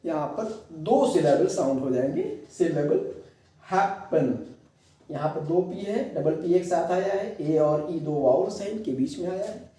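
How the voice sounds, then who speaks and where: A man's voice: fairly high pitch, dark tone. A man teaching a lesson, explaining rules step by step and repeating key points, with an Indian English accent. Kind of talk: classroom lesson. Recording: echoey room, distant mic.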